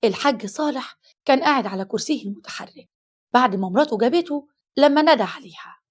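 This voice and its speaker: A woman with an Egyptian accent narrating a horror story in a brisk, suspenseful way. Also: high voice, animated.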